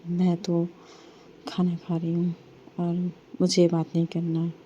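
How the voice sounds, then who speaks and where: A woman's voice: fairly low pitch, monotone, slow pace, warm tone, muffled recording, a little hiss or hum. A woman doing a shy, cautious young woman. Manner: hesitant, reserved.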